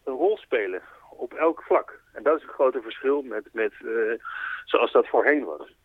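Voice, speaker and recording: Man on a phone line, mid-pitched, earnest spokesperson explaining his project patiently; tinny, dry call audio. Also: expressive, unhurried, slightly rough, no echo. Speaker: spokesperson for a foundation, interviewee. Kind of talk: radio phone interview. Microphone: telephone.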